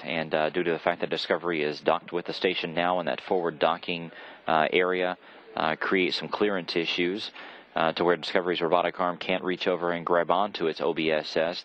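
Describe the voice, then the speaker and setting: A man giving live explanatory mission commentary in a measured, hesitant way with pauses. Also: low voice, a bit bright. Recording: slightly dull lo-fi broadcast audio.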